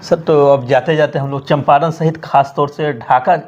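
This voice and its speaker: A man's voice: a little high, fairly even intonation, moderate pace, a little mellow, muffled recording. A man hosting a local news interview, asking brief, polite questions.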